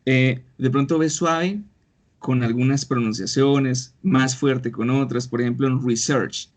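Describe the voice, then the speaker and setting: A man leads an online English lesson over a video call, correcting a student's pronunciation. He coaches in a mix of Spanish and English, at an ordinary pitch. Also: fairly even intonation, unhurried. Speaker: English teacher. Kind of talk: online English class feedback.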